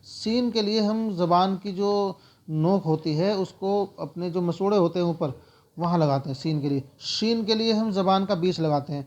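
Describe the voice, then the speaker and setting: A man teaching a spoken alphabet lesson, going through letters slowly and repeating each sound. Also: high voice, a little mellow, dull audio. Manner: slow, repetitive letter-by-letter explaining.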